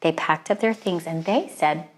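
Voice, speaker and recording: Reading a children's storybook aloud, this low-voiced female storyteller shapes each line expressively and deliberately. She lets dramatic pauses hang between phrases.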